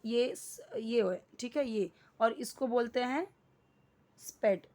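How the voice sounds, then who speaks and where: A woman's voice: a little high, slow pace, a little mellow. A woman teaching an English grammar lesson in Hindi, explaining each word and asking and answering her own questions.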